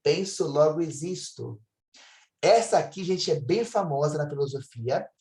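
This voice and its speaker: A man's voice: on the high side, expressive, measured pace, darkish tone. A man with a Brazilian Portuguese accent giving an enthusiastic recorded lecture as a Latin teacher, drawing out his model pronunciations. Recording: echoey room.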